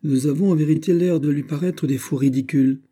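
A man's voice: on the high side, fairly quick, mellow, voice pushed up, natural voice. A man reading an audiobook voices a young English lord, a witty courtier with a courtly, ironic delivery.

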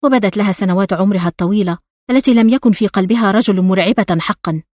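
A woman's voice: mid-range voice, quick pace, darkish tone, no room sound. Woman narrating a novel, dry close sound. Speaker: audiobook narrator. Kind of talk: literary audiobook narration.

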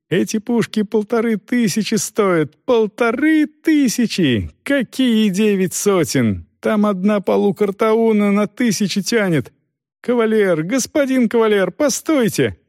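A man voicing a frantic, outraged mercenary captain who shouts in a high, indignant voice. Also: huge pitch swings, normal speed, few pauses, dry recording, clean studio sound, full character voice. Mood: pleading. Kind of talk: audiobook character voice.

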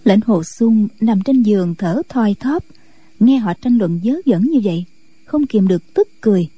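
A woman narrates a martial-arts story in an even, steady storytelling manner. Her voice is very dark and a little husky, set slightly high for her tone. The sound is dry and close. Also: normal speed, no room sound.

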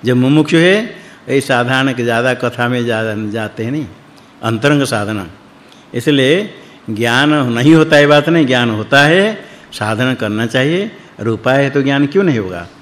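A man's voice: mid-range voice, moderate pace, fairly bright tone, a little hiss or hum. A man teaching scripture, talking in loose, repetitive phrases and reciting Sanskrit verses. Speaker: spiritual teacher. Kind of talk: scripture discourse in Hindi. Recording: long hall reverb.

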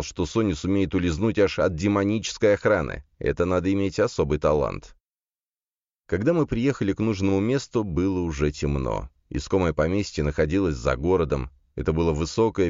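A man reading a novel in the first person, wry and even in manner. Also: sits low, brisk, no room sound. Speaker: audiobook narrator. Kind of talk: first-person scripted narration. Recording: dry, slightly dull studio sound.

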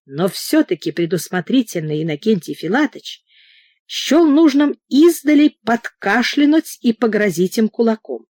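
A woman narrating a novel aloud in an expressive way, giving the characters voices of their own. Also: a little high, measured pace, dry recording, studio quality. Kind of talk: audiobook narration, reading a novel.

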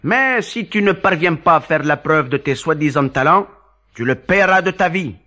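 An imperious count, played by a man, speaks in a forceful voice. He is stern and challenging, with lively storybook phrasing. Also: fairly high pitch, moderate pace, voice pushed up. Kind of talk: storybook dialogue.

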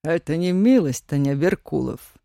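A reader putting on a gruff, stern colony chief. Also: medium pitch, darkish tone, no room sound, studio quality. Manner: gruff, slow and measured. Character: stern older man, head of a youth colony.

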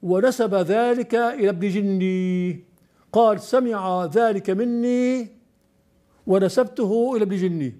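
A man's voice: high-pitched, measured pace, mellow. An older man teaching classical Arabic poetry, explaining step by step and questioning his student.

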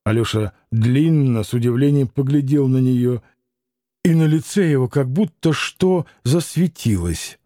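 A man narrating an audiobook in a measured, even reading voice. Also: medium pitch, no room sound, clean studio sound. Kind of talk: scripted narration.

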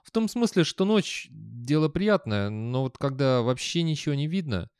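A man's voice: mid-range voice, animated, moderate pace, a little mellow, smooth, no echo, clean studio sound, pitched above the performer's own voice, natural voice. A man voicing a jittery, unsure young man who talks with anxious hesitation. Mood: uneasy.

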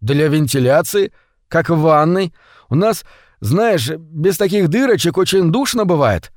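A man's voice: a little high, animated, a little slow, a little mellow, no echo, clean studio sound. A man voicing a cheeky, inventive young boy who talks in a boastful, matter-of-fact way. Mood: self-satisfied.

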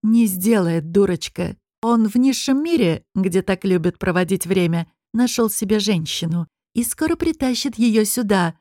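A woman voicing a sneering, smug male high demon nobleman in an audiobook, with a mocking, taunting drawl. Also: dark tone, no room sound, studio quality, natural voice. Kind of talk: audiobook character reading.

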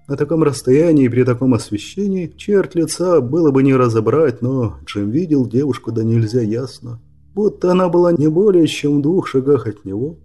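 A man reading a fantasy audiobook in an even, measured way. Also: mid-range voice. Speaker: narrator. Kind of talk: audiobook narration.

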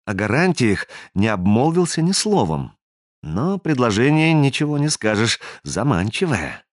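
A man's voice: mid-range voice, sing-song, unhurried. A man voicing a wry younger spacer. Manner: wry, muttering to himself. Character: younger spacer brother, sardonic, shrugging.

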